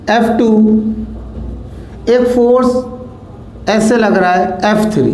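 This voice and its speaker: A man with a very high voice explains physics at a board, asking the class questions and answering them himself. He repeats words as he traces lines. The sound is roomy and echoing. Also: darkish tone, slight background noise. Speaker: physics teacher. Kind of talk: board lesson explaining step by step.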